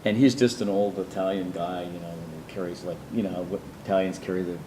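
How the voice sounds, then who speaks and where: A man's voice: sits low, steady tone, fast, mellow, reverberant, slight background noise, rough recording. A man telling his life story in an interview, rambling through asides and acting out the people he quotes. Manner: meandering, many restarts and asides, acts out quoted people.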